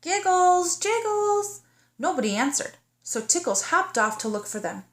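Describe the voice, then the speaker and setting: With a slightly high, somewhat bright voice and lively intonation, a woman narrates a children's book as a teacher reading to kindergartners. She keeps the young listener involved, pausing to ask questions along the way.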